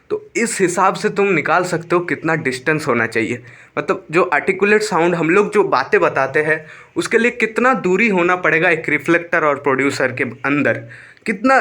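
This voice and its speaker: A man's voice: high-pitched, sharp tone. A young man teaching a physics lesson, explaining step by step, repeating key terms and mixing in English phrases. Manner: mixes English phrases into Hindi.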